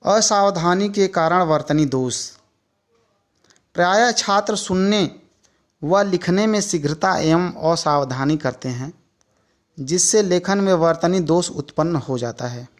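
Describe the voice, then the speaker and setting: A male teacher educator reads his lecture at an unhurried pace. He moves through each point with steady pauses, and his voice sits somewhat high. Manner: measured, listing points one by one with pauses. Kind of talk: slow lecture reading from notes.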